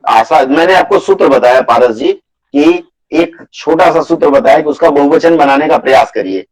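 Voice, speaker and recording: A man teaching a Hindi grammar class over a video call, patiently repeating his points and slowly listing example words for students. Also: on the high side, low-quality recording. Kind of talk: live online class lecture.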